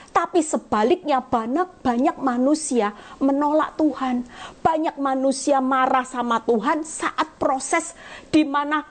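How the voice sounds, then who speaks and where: Woman evangelist, high-pitched, emotional sermon delivery over a phone live stream, slows on key words.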